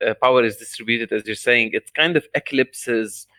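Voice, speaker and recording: A man's voice: medium pitch, sharp tone, clear, resonant tone, dry recording. Dry close-miked male podcast co-host. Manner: fluent, many "uh" pauses, analytical. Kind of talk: podcast discussion.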